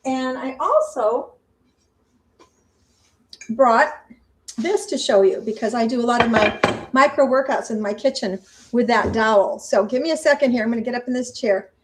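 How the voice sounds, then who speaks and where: An older woman with a high voice talks casually while she cooks in her home kitchen. She chats in a friendly, homey way, narrating each step as she goes. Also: normal speed, pauses often, poor audio. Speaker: vlogger. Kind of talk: casual cooking vlog.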